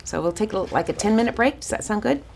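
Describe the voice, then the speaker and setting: A woman with a raspy voice teaching a counseling workshop in a chatty, informal way, often restarting her sentences. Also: medium pitch, animated, fast, a little hiss or hum. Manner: chatty, warm-hearted asides with frequent restarts and fillers. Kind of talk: informal teaching talk to a small group.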